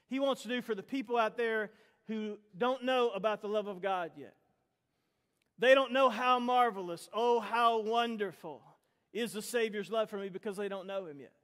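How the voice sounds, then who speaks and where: A middle-aged man preaching a sermon built around a story, animated and acting out the voices of the people in it. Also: high voice, big-room sound. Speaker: pastor.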